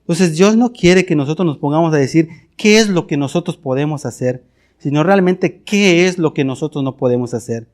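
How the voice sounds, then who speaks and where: This middle-aged pastor, whose accent is Mexican Spanish, has a fairly high, darkish voice and a moderate pace. He gives an earnest confessional sermon, repeating words and restarting phrases again and again.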